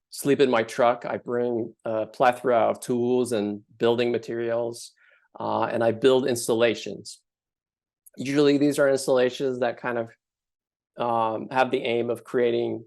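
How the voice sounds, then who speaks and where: Man, gravelly, middle pitch, thoughtful artist talk, many fillers. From Finland.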